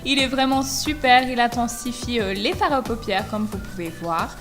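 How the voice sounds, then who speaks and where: A woman from France narrating a makeup tutorial voice-over, steady and explanatory, enthusiastic about the products. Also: fairly high pitch, moderate pace. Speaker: beauty vlogger. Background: music.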